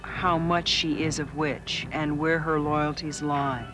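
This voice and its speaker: A man's voice: fairly high pitch, steady tone, slow pace, low-quality recording. A man describing a film's characters in a documentary interview. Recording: loud music behind the voice.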